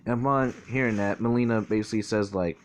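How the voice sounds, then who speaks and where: A man's voice: on the low side, quick pace, a little hiss or hum. A man casually retelling a fan-made crossover story, rambling with lots of filler words and swearing, his mouth getting dry.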